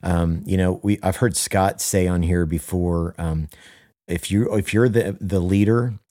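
A low-voiced man talks on a podcast as a worship leader, his tone warm and mellow. He speaks earnestly, hammering points home by repeating them, and slips in deadpan jokes. The sound is dry and close, with no room around it. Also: unhurried, no room sound. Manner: earnest and emphatic, repeats key phrases for stress. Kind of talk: casual podcast conversation.

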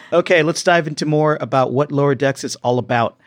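A man's voice: on the high side, no echo. A man hosting a podcast in casual chat, joking and steering the topics. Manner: joking, leads the segments. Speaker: podcast host. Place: studio, live stream.

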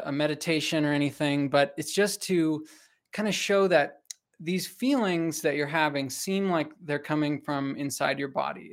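Male co-host, somewhat high voice, informal and halting science explainer. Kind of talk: casual explanatory science talk.

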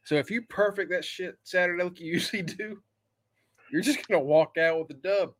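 A man's voice: high voice, brisk. A man co-hosting a podcast in casual, teasing banter, informal and prone to swearing. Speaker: podcast producer and co-host.

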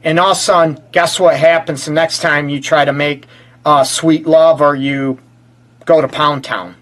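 A man's voice: fairly high pitch, steady tone, moderate pace, fairly bright tone. A middle-aged man hosting a relationship talk show from his office, joking and teasing his guest as he talks. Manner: joking, teasing, self-described smart aleck. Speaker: relationship counselor and show host. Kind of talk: casual talk show interview.

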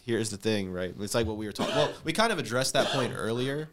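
A man's voice: expressive, quick pace, noisy background. Give me an earnest man on a Bible talk. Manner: earnest, rises in pitch when stressing a point. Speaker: co-host.

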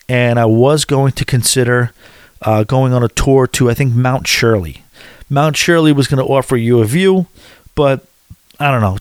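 A man's voice: mid-range voice, no echo, clean studio sound. An American man casually recapping his trip in a rambling, chatty way, with frequent restarts. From USA. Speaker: cruise vlogger.

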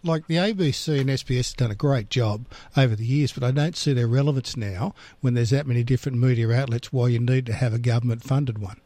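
A man's voice: mid-range voice, fast, few pauses, mellow, no room sound. A man hosting a casual radio chat, opinionated and chatty. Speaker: radio host. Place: radio studio.

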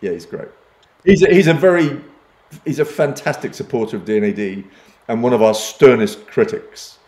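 A man's voice: mid-range voice, expressive, normal speed, a little mellow, echoey room. An older man grew up in East Africa and speaks as a podcast guest, self-deprecating and often restarting his sentences. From Uganda and Kenya. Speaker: podcast guest, advertising executive. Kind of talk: conversational interview.

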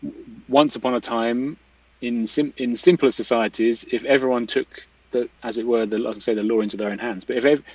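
A man thinks aloud in casual explanatory talk, halting and rephrasing often. He sits away from the mic, and the recording is dry and a little muffled. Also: medium pitch, fairly even intonation, a little mellow, breathy edge, no echo. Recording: distant mic, slightly dull, dry sound.

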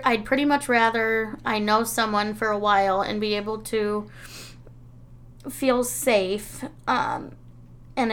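A woman's voice: medium pitch, a bit bright. Candid, foul-mouthed woman in her thirties. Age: 30s. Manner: candid, swears freely, self-mocking. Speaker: podcast co-host. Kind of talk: casual chat.

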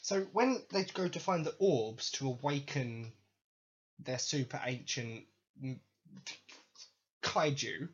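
A man's voice: mid-range voice, takes it slowly, long pauses, slightly rough, lo-fi sound. A man hosting a comedic podcast rant, sweary, exasperated and sarcastic. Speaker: podcast host.

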